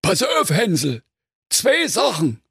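A man's voice: high-pitched, wildly swooping pitch, takes it slowly, vocal fry, fairly bright tone, slightly rough, dry recording, studio quality, voice pushed up, full character voice. A man voicing a greedy, bossy, cranky male wolf in a comic fairy-tale parody, squawking orders at his partner.

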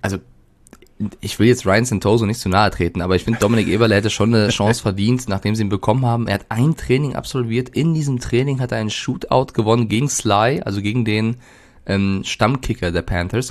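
A man co-hosting a casual podcast, telling stories in a rambling way with many fillers and casual swearing. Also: medium pitch. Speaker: podcast co-host. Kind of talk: casual chat.

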